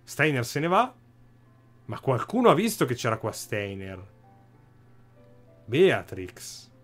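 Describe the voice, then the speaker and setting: A man hosting a casual let's-play, tossing out jokey asides about the game. His pitch bounces around lively as he talks. Game music plays faintly in the background. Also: slow. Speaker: gaming video host.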